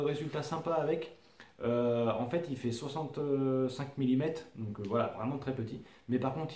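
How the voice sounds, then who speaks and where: A man from France talks casually to his viewers about fishing gear in an echoey room. He hesitates often, restarts his sentences and fills the gaps with little fillers. His voice sits at an ordinary middle pitch. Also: dark tone. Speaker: fishing vlogger presenting lures. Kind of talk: casual talk to camera.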